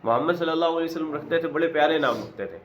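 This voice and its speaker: A man's voice: on the high side, lively intonation, highs cut off, a little hiss or hum. A man teaching a Quran lesson, reciting short phrases in Arabic and then explaining each one in plain, conversational words with earnest, repetitive emphasis.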